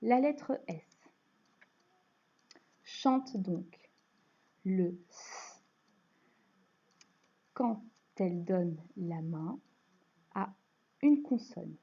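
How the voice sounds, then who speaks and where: A woman with a French accent teaching a phonics lesson to young children, explaining slowly and patiently. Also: medium pitch, animated, warm tone, breathy edge. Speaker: primary school teacher. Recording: dull lo-fi recording.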